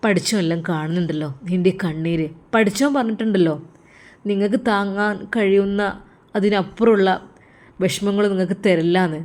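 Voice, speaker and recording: Gentle consoling friend, soothing and patient, voiced by a woman narrator. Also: medium pitch, fairly even intonation, fairly quick, lightly acted. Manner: soothing, coaxing. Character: loyal young male friend, gentle and consoling.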